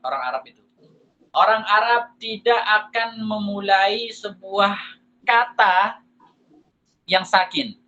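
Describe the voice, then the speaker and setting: High bright-voiced Indonesian man teaching. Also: muffled recording. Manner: explains step by step, asks and answers his own questions; slow drawn-out recitation of examples. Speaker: tajwid teacher. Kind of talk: recorded lesson on Quran recitation.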